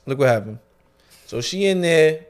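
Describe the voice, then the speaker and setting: A man's voice: on the high side, expressive, normal speed. A young man co-hosting a podcast, telling a casual, slang-filled story and acting out the voices of people he quotes. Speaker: podcast co-host.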